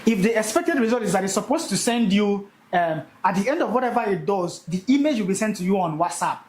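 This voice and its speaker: A young man teaching a live session, animated and repeating key words for emphasis. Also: high voice, brisk, reverberant, rough recording. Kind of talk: energetic classroom teaching.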